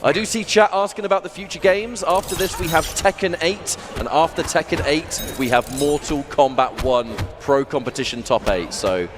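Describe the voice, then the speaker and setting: A man commentating live on a fighting game, excitable and quick to exclaim. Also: a little high. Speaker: esports commentator. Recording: loud music behind, live venue. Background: music and event venue sound.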